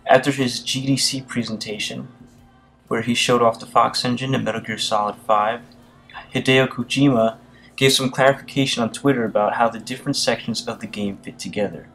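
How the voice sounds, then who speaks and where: A man's voice: mid-range voice, fairly even intonation, a little fast, vocal fry, a bit bright, low-quality recording. A man casually narrating gaming news and reading articles aloud, hesitating often with fillers and restarts. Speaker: gaming video commentator.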